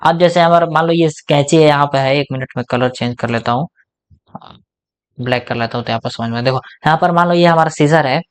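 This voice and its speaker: Male grammar tutor, Hindi accent, slightly high voice, casual and explanatory, asks and answers his own questions. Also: brisk. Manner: asks questions and answers them himself, repeats "ठीक ना?" often. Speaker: English grammar teacher.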